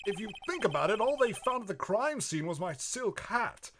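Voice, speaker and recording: A man's voice: high voice, big pitch swings, moderate pace, a bit bright, a little hiss or hum, voice pushed up, exaggerated voice. A man voicing a flamboyant, vain stage magician from a video game in a theatrical, showy way. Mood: puzzled, showy. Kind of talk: video game voice-over read aloud.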